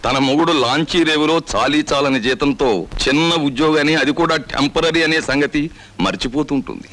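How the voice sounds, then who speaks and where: A man's voice: on the high side, brisk, fairly bright tone, slight background noise. An actor playing a poor clerk who narrates his family's habits in a wry, resigned voice-over.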